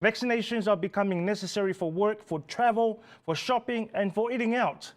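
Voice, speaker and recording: Male talk-show host, New Zealand Pacific accent, high-pitched, measured scripted welcomes. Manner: formal, welcoming, scripted-sounding intros. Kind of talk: community health talk show hosting.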